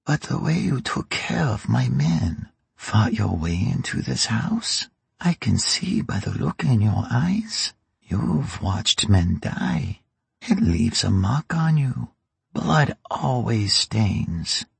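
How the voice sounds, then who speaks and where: A dry, raspy old crime matriarch, as a male reader puts her on, sly and mocking as she bargains. Her voice is husky and gravelly, raised well above the reader's own, and slow and drawn out. It is recorded close and dry. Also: mid-range voice, very animated, no echo, pitched above the performer's own voice, full character voice. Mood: probing. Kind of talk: audiobook character reading.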